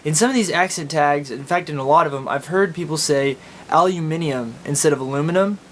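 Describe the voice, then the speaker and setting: A man with an Oklahoma accent chatting casually and informally as a video blogger. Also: brisk. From Oklahoma, United States. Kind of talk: casual chat to camera, answering accent tag questions. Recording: steady background noise with low rumble.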